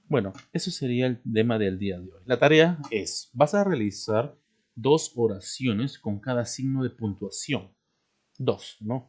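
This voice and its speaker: A man's voice: lowish voice, darkish tone. A man teaching a lesson, explaining step by step and ending almost every phrase with a checking "¿no?". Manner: explanatory, tags nearly every phrase with a questioning "¿no?". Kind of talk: classroom lesson.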